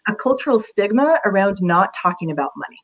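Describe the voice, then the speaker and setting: A woman's voice: medium pitch, big pitch swings, a little fast, low-quality recording. A woman career counselor giving casual advice in an interview, talking in a chatty way with many fillers.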